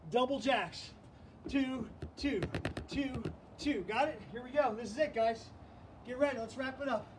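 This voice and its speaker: A man's voice: very high voice, unhurried. A man leading a live online workout class as fitness instructor, calling out counts and cues with energy. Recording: distant mic, faint background noise.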